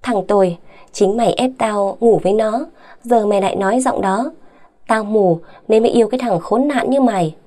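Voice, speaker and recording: A woman's voice: mid-range voice, moderate pace, warm tone, natural voice. A woman narrator voicing a bitter young wife who answers back with raised, indignant lines. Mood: angry hurt. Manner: indignant, rising and heated.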